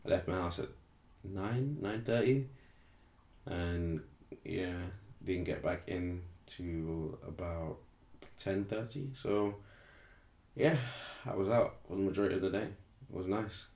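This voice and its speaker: Young man, very deep voice, casual rambling podcast talk, self-correcting, echoey room. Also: measured pace, pauses often, darkish tone. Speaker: podcast co-host. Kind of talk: casual chat.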